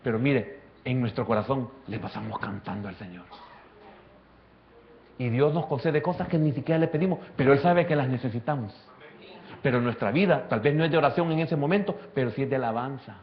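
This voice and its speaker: A man's voice: mid-range voice, brisk, highs cut off, slight background noise. A man, a pastor preaching an impassioned sermon and calling listeners brother. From El Salvador. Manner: impassioned preaching, swings from soft asides to loud climaxes; addresses listeners directly as brother.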